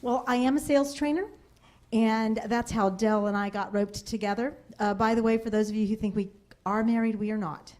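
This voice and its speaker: A woman's voice: on the high side, fairly even intonation, fairly quick, a little mellow. A woman sales trainer speaking to a seminar audience in a room, telling stories and acting out family voices. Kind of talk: seminar talk to a live audience.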